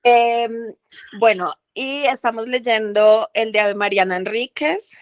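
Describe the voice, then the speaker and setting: A woman's voice: a little high, takes it slowly, no echo. Chatty woman, dry sound. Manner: chatty, hesitant, with many fillers. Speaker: book club host. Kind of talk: casual book club chat.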